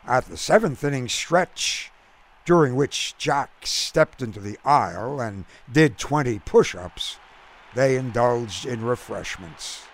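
A man narrating a story in an unhurried, expressive reading. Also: mid-range voice.

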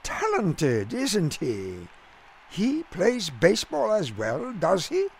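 A man voicing a polite, bewildered gentleman at his first baseball game, in a storybook reading. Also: sits high, wildly swooping pitch, slow, creaky, a little hiss or hum, voice pushed up, full character voice. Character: prim, puzzled British gentleman new to baseball.

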